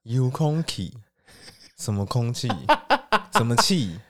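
A man with a Taiwanese Mandarin accent, co-hosting a comedy podcast, agreeing in quick strings and laughing often. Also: mid-range voice, very animated, fairly bright tone. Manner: agreeable, repeats 'yes' in strings, bursts of laughter. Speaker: podcast co-host. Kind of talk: casual comedic chat.

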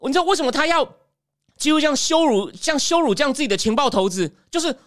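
A woman giving emphatic, animated political commentary as a podcast host. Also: high voice, quick pace. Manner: animated, emphatic, acts out quotes.

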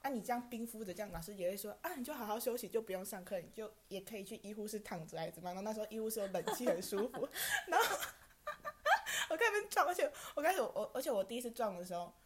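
A woman's voice: mid-range voice, big pitch swings, quick pace, husky. A woman hosting a podcast, chatting casually and playfully, giggling as she tells stories. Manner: playful, giggly, teasing questions. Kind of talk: casual chat.

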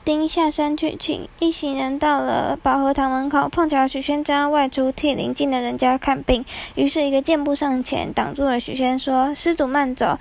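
High-voiced woman telling a folk tale. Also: level tone, moderate pace, gravelly, hardly any pauses, darkish tone. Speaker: storyteller.

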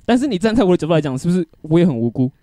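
Brief: male podcast co-host, fast and lively, dark tone, swears a lot, dry close sound. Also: high-pitched, no room sound. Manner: animated venting, swears often, keeps asking if you get it. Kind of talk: casual chat.

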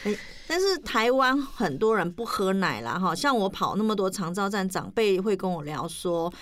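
A woman's voice: medium pitch, lively intonation, moderate pace, fairly bright tone. A woman with a Taiwanese accent in casual discussion, presenting health advice and asking questions.

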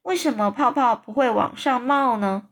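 A woman's voice: a little high, moderate pace, voice pushed up. A woman voicing a polite, curious little girl who asks eager questions.

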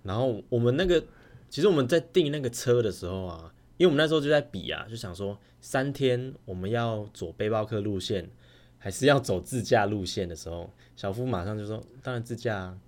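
A man's voice: fairly low pitch, expressive, brisk. A man with a Taiwanese Mandarin accent, a podcast guest chatting casually about his travels. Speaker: podcast guest, primary school teacher.

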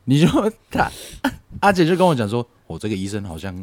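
A man's voice: medium pitch, big pitch swings, fast, no echo. Laid-back man, dry close sound. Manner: laid-back, chimes in with short agreement and laughs. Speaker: resident singer and co-host. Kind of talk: casual chat.

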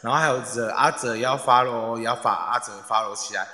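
Speaking fast and forcefully in a bright, mid-range voice, a man with a Taiwanese Mandarin accent casually hosts a live online audio room as club president. He tends to repeat his phrases while organizing things, and the recording is echoey with a long reverb.

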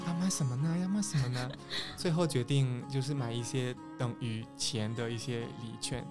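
A man's voice: mid-range voice, moderate pace. A man from Peru in a casual podcast chat, speaking Mandarin and hesitantly searching for words. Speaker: podcast panelist. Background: guitar music.

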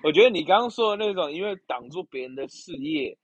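Podcast co-host; fast, husky, brief interjections, dull lo-fi recording. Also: medium pitch, expressive, dry recording. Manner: brief agreeing interjections, finishes the other's sentences. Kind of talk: casual chat.

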